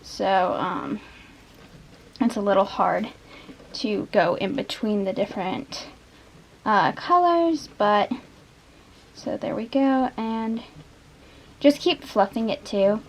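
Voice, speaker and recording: A woman's voice: medium pitch, takes it slowly, long pauses. A young woman with a stuffy nose from allergies, chatting casually and rambling off-topic while she shows a craft step by step. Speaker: craft vlogger. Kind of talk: casual crafting tutorial chat.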